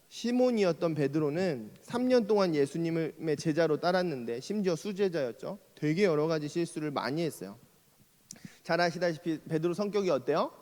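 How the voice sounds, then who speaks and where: A man with a fairly high voice preaches in a church, his words ringing with a long hall reverb. He delivers the sermon like a story, lively and conversational, slipping into the quoted lines as if acting them. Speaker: pastor. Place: church sanctuary.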